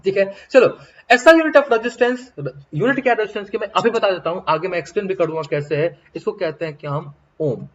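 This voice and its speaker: A male teacher giving a science lesson. He keeps asking questions and answering them himself, and he reads out English definitions slowly. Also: high-pitched. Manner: repetitive question-and-answer explaining. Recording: dull lo-fi recording.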